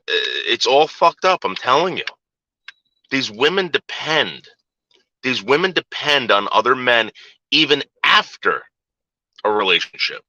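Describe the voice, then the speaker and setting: A man's voice: fairly low pitch, sharp tone, no room sound, muffled recording. A man ranting on a casual livestream, talking back to chat, profane and repetitive with frequent restarts. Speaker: livestream host reading chat.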